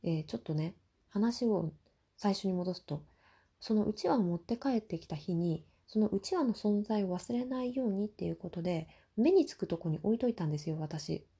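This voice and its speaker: A young woman hosting a personal talk show, chatting casually in a quiet, soft, breathy murmur at night about everyday life. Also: expressive, moderate pace. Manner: quiet, murmuring low-voiced talk at night beside sleeping children. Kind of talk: late-night casual chat, telling everyday family stories.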